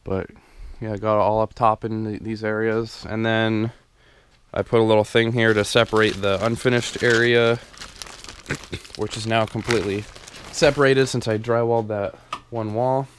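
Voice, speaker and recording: Filming himself on a handheld camera as he walks, a DIY renovation vlogger casually narrates his half-finished basement, rambling with plenty of ums and false starts. His young male voice is fairly low and flat, the pace unhurried. A faint hiss or hum sits under the recording.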